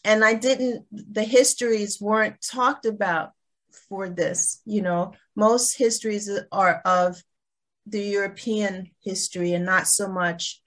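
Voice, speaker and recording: A woman from Trinidad, raised in Brooklyn, hosts an online gallery talk over a video call. She talks in a chatty, loose way, restarting sentences and leaning on "you know." Her voice sits at an ordinary middle pitch. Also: takes it slowly.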